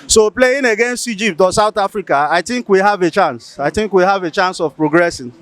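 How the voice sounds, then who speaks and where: A football fan, calmly giving his analysis in a street interview. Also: high voice, dry recording. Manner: measured, analytical.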